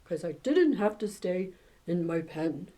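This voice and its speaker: A woman's voice: lowish voice, very animated, measured pace, mellow. A woman voicing a shy, restless male emu from a children's storybook, speaking simply in a childlike manner. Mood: matter-of-fact.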